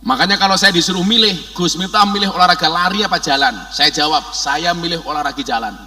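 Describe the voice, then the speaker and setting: Male preacher, Javanese accent, comic sermon, bright high voice, hall reverb. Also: fast. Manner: joking, animated, mixes Javanese into Indonesian, shouted takbir bursts. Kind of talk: humorous sermon.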